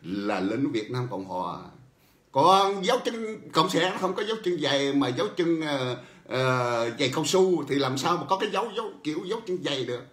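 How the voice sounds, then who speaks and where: Male host, animated storyteller, slightly high voice, roomy echo. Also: normal speed. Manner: animated storytelling, chuckles often. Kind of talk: political commentary monologue.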